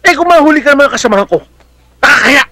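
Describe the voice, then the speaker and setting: A man's voice: very high-pitched, animated, rapid-fire, pushed and bright, no echo, exaggerated voice. An actor playing a protective, hot-headed middle-aged policeman uncle in a Filipino film drama, with a Filipino accent and a blustery, affectionate manner. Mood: scolding. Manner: blustery, scolding yet affectionate.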